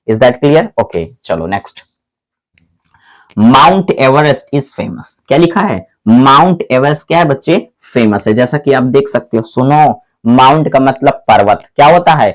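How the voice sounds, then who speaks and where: A man teaching English grammar in a classroom style. He keeps asking the pupils whether they have understood, calls them "my children", and reads the English examples slowly. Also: mid-range voice, animated. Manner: slows right down to read English examples aloud.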